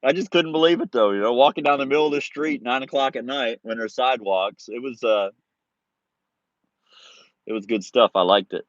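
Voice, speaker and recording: A man's voice: mid-range voice, normal speed, dry recording, muffled recording. A man in his forties casually telling a story to his viewers, laid-back, laughing and swearing freely. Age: 40s. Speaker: streamer.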